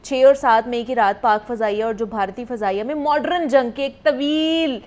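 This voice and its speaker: A woman's voice: fairly high pitch, darkish tone. A woman hosting a studio discussion, nodding along with short affirmations and steering with questions. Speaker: talk show host.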